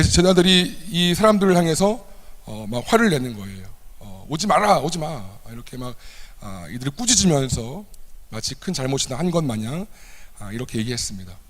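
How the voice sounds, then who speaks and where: Guy preaching in a church, lively voice that jumps around, long hall echo. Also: mid-range voice. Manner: animated, acts out quoted lines with raised voice. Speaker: youth ministry pastor. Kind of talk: sermon.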